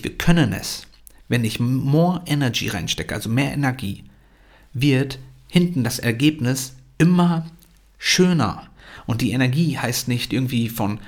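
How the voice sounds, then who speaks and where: A young adult man hosting a podcast, delivering an energetic, emphatic motivational monologue and mixing in English phrases. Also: medium pitch.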